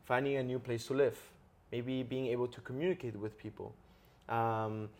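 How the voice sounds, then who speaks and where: A man interviews a guest on his podcast, speaking at normal speed in a steady, mid-range, darkish voice. He earnestly explains his ideas and keeps checking in with tag questions.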